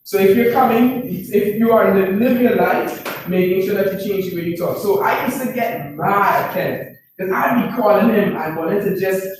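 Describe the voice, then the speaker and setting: High-voiced man, echoey room, far off. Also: normal speed. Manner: keeps checking in with the room, asking 'right?'; repeats phrases for emphasis. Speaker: presenter at a business information session. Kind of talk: motivational talk to a live group. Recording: very echoey room, far from the mic, faint noise.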